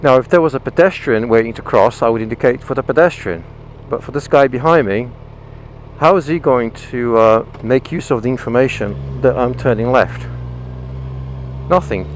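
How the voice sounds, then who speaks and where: A man with a British accent talks from inside a motorcycle helmet in a casual, explanatory way. His pitch sits in the middle for a man. Clear vehicle and outdoor noise runs behind his voice. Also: moderate pace. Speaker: motorcycle vlogger. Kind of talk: casual explanatory vlog talk while riding. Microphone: microphone inside the helmet. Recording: clear engine, wind and traffic noise.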